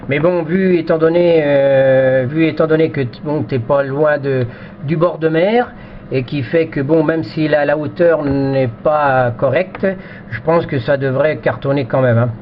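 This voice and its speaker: An amateur radio operator chats casually about technical matters in an unhurried voice on the high side, with fairly even intonation. He often repeats himself and hesitates as he explains. The audio is muffled, band-limited radio with faint noise.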